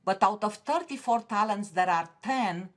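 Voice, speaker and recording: A woman with a Romanian accent speaks as a podcast guest in an interview conversation, earnest and passionate, often restarting her sentences. Her mid-range voice is expressive and moves at a moderate pace.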